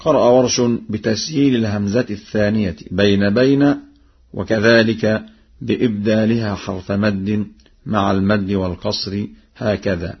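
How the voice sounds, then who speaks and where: A man from Egypt giving a radio lesson on Quran readings, explaining slowly and carefully and chanting each example melodically. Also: on the low side, fairly even intonation, husky. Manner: slow, measured explaining, then melodic chanting. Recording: dull lo-fi archival radio recording.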